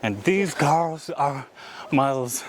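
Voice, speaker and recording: A man's voice: a little high, expressive, slow pace, noisy background. A man vlogging outdoors while hiking in hilly countryside, out of breath, chatty and slangy, filming on a handheld phone. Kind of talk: casual vlog narration while hiking.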